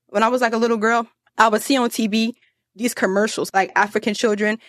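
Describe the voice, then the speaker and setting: A teenage girl from the United States interviewing classmates for youth radio, relaxed and conversational with lots of fillers. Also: a little high, a little fast, no room sound. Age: teens. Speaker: student interviewer.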